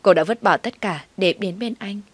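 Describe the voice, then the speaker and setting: A woman narrating a first-person story in a steady, matter-of-fact way. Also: mid-range voice, normal speed, slightly rough, no echo.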